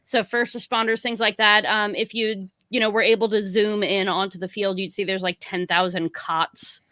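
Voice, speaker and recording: A woman's voice: medium pitch, steady tone, moderate pace, pushed and bright, dry recording, studio quality. A woman born in New York and raised in the Tampa area, co-hosting a casual baseball chat and explaining things with many "you know" and "like" fillers. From born in New York City, raised in the Tampa area. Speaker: podcast co-host.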